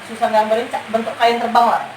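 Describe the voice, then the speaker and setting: The speaker is a woman whose voice sits on the high side, delivered flatly and fast. As a guest, she relates ghost sightings in a casual way, repeating phrases for emphasis, captured on a distant mic in a roomy space with background noise.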